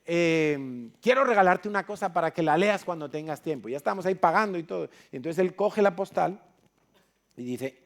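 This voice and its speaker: A man's voice: on the high side, expressive, moderate pace. A man from Spain preaching in church, telling a story with acted-out dialogue. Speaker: pastor. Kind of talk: sermon.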